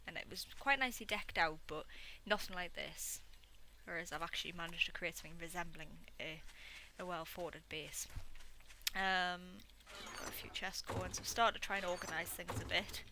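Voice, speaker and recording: A young woman chatting casually and self-mockingly while playing a game, sometimes muttering quietly to herself. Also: lowish voice, fairly even intonation, moderate pace. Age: young adult. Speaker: gameplay video host. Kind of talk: casual gameplay commentary. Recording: noisy home recording.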